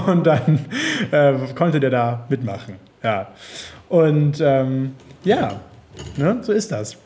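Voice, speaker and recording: A man's voice: mid-range voice, sing-song, slow pace, darkish tone. A man chatting casually on a podcast, rambling with restarts and frequent laughs. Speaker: podcast host.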